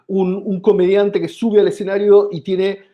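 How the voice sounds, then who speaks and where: An Argentine comedian, a guest in an interview, explains his ideas with many hesitations and restarts in Argentine-accented Spanish. His voice sits high, with a flat delivery at normal speed, and the audio is dull.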